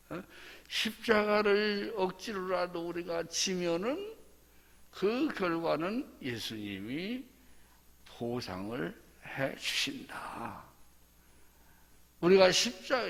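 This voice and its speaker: A male pastor preaching a dawn sermon slowly and emphatically, repeating his points and acting out the story. His voice is fairly high and gravelly, and the long reverb of a church sanctuary trails behind it. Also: a bit bright. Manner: emphatic, repetitive, dramatic storytelling.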